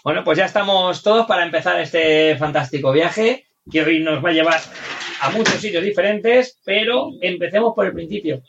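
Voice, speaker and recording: A man's voice: high voice, normal speed, background noise. A man hosting a podcast in a conversational presenting style. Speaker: podcast host. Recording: dull, lo-fi microphone sound.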